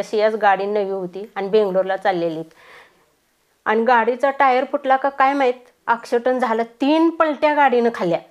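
Woman telling a devotional testimony. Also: a little high. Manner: plain storytelling with fillers and restarts. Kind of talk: personal testimony.

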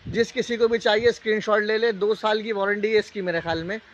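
High-pitched Pakistani salesman, live sales pitch. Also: steady tone, quick pace. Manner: repeats prices and tag phrases like a street seller. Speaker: shop salesman hosting a live sale video. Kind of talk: live product sales pitch, casual and unscripted. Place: indoor appliance store, walking the aisles. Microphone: handheld phone. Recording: dull lo-fi phone audio, shop noise.

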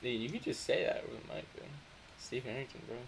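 A young man streaming a game live, chatting casually and excitably with friends and shouting out his viewers. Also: medium pitch, quick pace, gravelly. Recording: faint background noise.

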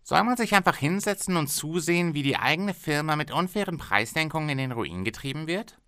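A high, strained, greedy factory boss frets and schemes in a storybook reading, as a male reader puts him on. His pitch jumps around a lot. The room is dry and close. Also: animated, fairly quick, pushed and bright, clean tone, dry recording. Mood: scheming. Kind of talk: audiobook reading.

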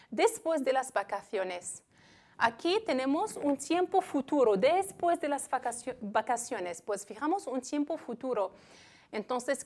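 A woman with a Moroccan accent teaches a grammar lesson at an unhurried pace. Her voice sits high and moves lively up and down as she repeats her examples and puts questions to the class. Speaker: Spanish teacher.

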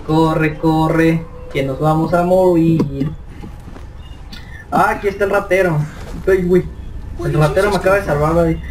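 A young Mexican man with a Mexican accent, joking through a zombie game commentary and panicking in quick "no, no, no" bursts. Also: a little high, steady tone, a crowd in the background. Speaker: gameplay commentator. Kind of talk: let's play commentary. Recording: distant mic with loud game music. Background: game music.

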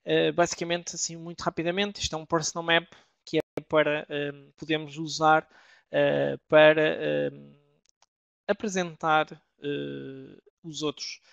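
A middle-aged man from Portugal with a European Portuguese accent, giving a webinar presentation with many pauses and restarts. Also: fairly high pitch, flat delivery, vocal fry, fairly bright tone, clean tone, no room sound, lo-fi sound. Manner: hesitant, many filler sounds and restarts.

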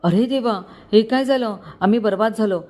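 A woman voicing a shrill, quarrelsome middle-aged mother who panics and scolds the men of the house in a storybook reading. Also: normal speed, a little mellow, lightly acted. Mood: alarmed.

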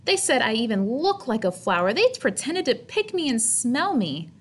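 A woman's voice: a little high, big pitch swings, normal speed, husky, voice pushed up. A woman voicing a miserable young mouse schoolgirl from a storybook, glum and drawing out her words. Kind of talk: children's storybook character.

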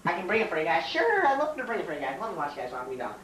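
A man's voice: sits high, huge pitch swings, racing, a bit bright, exaggerated voice. A young man doing a comic teacher impression of a petty, self-important, repetitive basketball coach. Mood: boastful. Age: young adult. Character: boastful, petty male high school basketball coach. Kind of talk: teacher impression, comedy skit. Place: home kitchen. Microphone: camcorder across the room. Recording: roomy, distant, hissy home camcorder.

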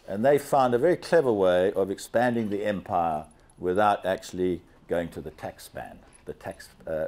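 A Zambian guest speaker, an older man with a fairly low-pitched voice, gives a lively slide presentation in a big banquet hall. Holding a microphone, he puts questions to the seated audience.

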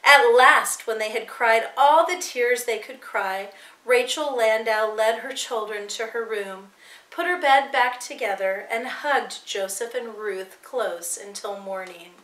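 A woman teacher reading a novel aloud to her students with expressive, dramatic storytelling. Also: on the high side, measured pace. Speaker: English teacher. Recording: echoey room.

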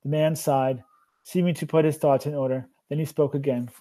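A man, a teacher, reading a novel aloud for his students in a steady, plain way with the odd self-correction. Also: on the high side, moderate pace. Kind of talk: audiobook-style book reading.

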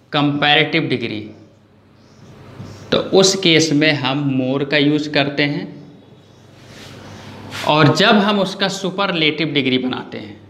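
A man's voice: a little high, fairly bright tone, roomy sound. A male English grammar teacher giving an online lesson in speech, who keeps asking questions and answering them himself. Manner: asks questions and answers them himself, repeats key points.

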